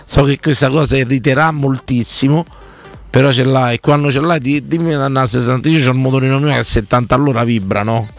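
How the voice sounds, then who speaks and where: A man's voice: mid-range voice, steady tone, brisk, faint music behind. A man with a Roman accent hosting a radio phone-in, chatting casually and teasingly in colloquial slang. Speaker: radio host. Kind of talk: casual, bantering phone-in chat.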